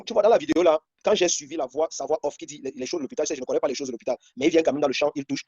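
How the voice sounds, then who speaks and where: Fast-talking husky guy from cameroon, dry muffled mic sound. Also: on the high side, darkish tone, no room sound. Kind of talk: casual commentary on photos.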